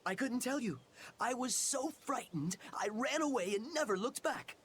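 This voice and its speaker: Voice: mid-range voice, animated, moderate pace, a bit bright, slight background noise, close to an everyday voice. An actor in a video game playing a frightened traveller who tells a dramatic tale of a monster. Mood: shaken. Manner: storytelling, dramatic.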